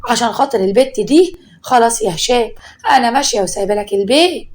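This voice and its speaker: A woman with an Egyptian accent voicing a domineering older mother-in-law, loud and scolding. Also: a little high, quick pace, lightly acted. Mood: indignant.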